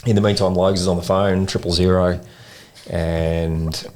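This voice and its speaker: A man with an Australian accent telling a long story in a rambling, animated way, full of slang, as a podcast co-host. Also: sits low, measured pace. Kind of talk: casual storytelling chat. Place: in-person podcast recording.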